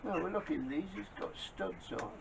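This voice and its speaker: A man's voice: on the high side, very animated, brisk. A man, talking casually to himself and the camera while repairing a small engine, short of breath at times. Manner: muttering to himself while working. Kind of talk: casual workshop commentary. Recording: dull lo-fi audio with clear background noise.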